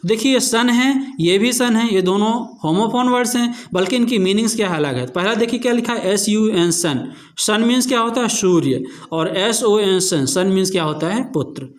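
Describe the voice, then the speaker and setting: A man's voice: high-pitched, lively intonation, moderate pace. A man teaching a revision lesson, spelling words out letter by letter and answering his own questions as he explains.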